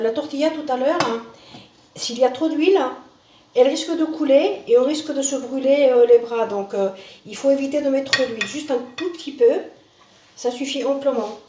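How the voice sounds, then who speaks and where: A woman's voice: high-pitched, normal speed. Chatty woman cooking at a distance. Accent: Spanish. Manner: chatty, repeats "hein" and "voilà", restarts words. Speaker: home cooking video host. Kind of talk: casual cooking demonstration. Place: home kitchen with a sizzling pan. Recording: roomy distant kitchen sound, faint noise.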